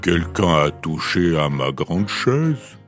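A man doing a slow, gruff big papa bear. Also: low voice, sing-song, faint music behind, full character voice. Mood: grumbling. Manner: slow, drawn-out grumbling delivery.

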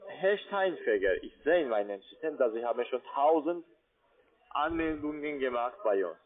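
Speaking with lively intonation at a moderate pace, a man with a medium-pitched voice works as a call centre sales agent and is not a native German speaker. He is insistent, his phrasing ungrammatical, and the narrow phone line sounds tinny.

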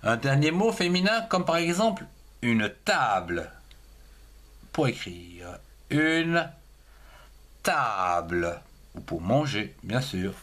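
A man giving a slow handwriting lesson for young children, spelling words letter by letter and syllable by syllable. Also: mid-range voice, lively intonation, fairly bright tone. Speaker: teacher.

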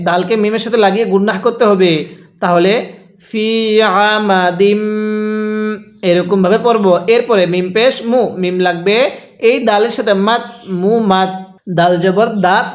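A male Quran teacher with a Bangladeshi Bengali accent and a high voice works through the text one letter and vowel at a time. He speaks slowly and patiently, stretching the recited words out long. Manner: slow, patient spelling of letters and vowels, drawn-out chanted recitation. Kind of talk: spelled-out recitation lesson.

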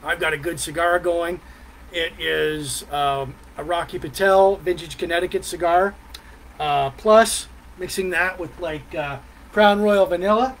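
A middle-aged man with a noticeably high voice hosts a casual live vlog. He wanders through his thoughts haltingly, with frequent pauses and mm sounds. There is clear background noise in the room. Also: fairly bright tone. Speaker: host of a live music and beer review vlog. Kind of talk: casual rambling live chat. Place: small decorated room at home, indoors.

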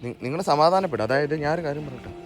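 A man's voice: a little high, animated, fast, music in the background. A Malayali man arguing insistently, stammering and repeating himself. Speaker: prank caller posing as wronged husband. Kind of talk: heated confrontation.

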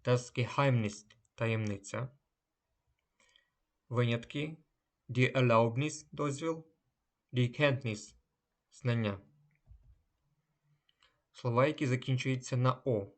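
A man teaching a language lesson, drawing out each German example word before giving its meaning. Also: medium pitch. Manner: slow, drawn-out German example words. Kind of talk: unhurried lesson.

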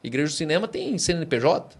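A man's voice: on the high side, huge pitch swings, fast talker, breathy edge. A man with a Brazilian Portuguese accent, a pastor and podcast guest, explaining his views with emphatic rhetorical questions. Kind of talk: conversational preaching.

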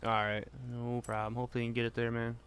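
A man's voice: mid-range voice, monotone, fast talker, clean tone. A man streaming a racing game live, chatting casually and answering viewers as he drives. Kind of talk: casual live gameplay commentary. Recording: loud car game sounds over voice. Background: racing game engine noise.

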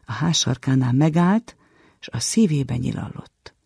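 A man with a gravelly, husky voice, pitched a little high for a man, gives a measured, dramatic reading of a short story. His tone is dark and mellow, and the recording is close and dry. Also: animated, no room sound. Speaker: literature program presenter reading a short story.

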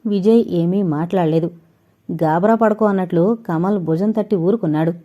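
A woman reading a novel aloud as narrator, in steady storytelling. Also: on the low side, moderate pace, muffled recording. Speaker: audiobook narrator.

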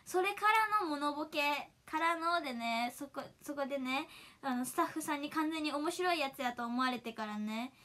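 Giggly high bright-voiced young woman. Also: moderate pace. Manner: giggly, chatty, laughs often. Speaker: idol livestream host. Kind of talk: casual livestream chat, reading viewer comments.

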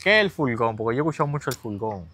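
A man interviewing a guest, asking short, low-key prompting questions. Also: sing-song, very fast, sharp tone, breathy edge. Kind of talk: casual interview.

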